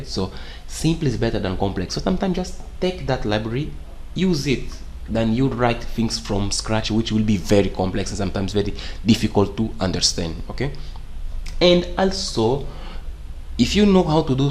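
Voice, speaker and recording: A young man, a native Portuguese speaker, teaches programming in English during a casual screen-share tutorial, rambling and frequently checking in with "okay?" His grammar is non-native, and his voice is fairly low-pitched and darkish, with a little hiss or hum.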